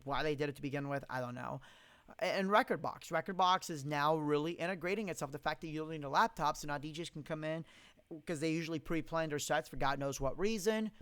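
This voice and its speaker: Reading out viewer comments on a laid-back live stream, a young man fires back quickly with blunt, foul-mouthed, strongly opinionated rants. His high voice is smooth, clear and fairly bright, captured close and echo-free by a condenser mic in his home studio.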